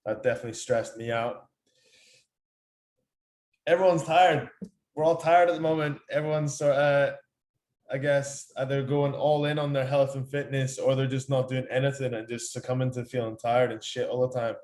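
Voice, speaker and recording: Fast-chatting Irish man in a roomy space. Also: mid-range voice, fairly even intonation, darkish tone. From Ireland. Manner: chatty, quick, with many ums and restarts. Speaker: workshop speaker. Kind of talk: casual presentation on a video call.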